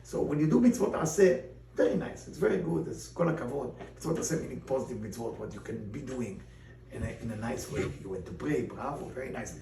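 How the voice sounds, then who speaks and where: A man teaching a Torah and Kabbalah class as a rabbi, speaking animated English with non-native grammar and Hebrew terms mixed in. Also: medium pitch, fast talker, gravelly. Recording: roomy, distant mic, faint background noise.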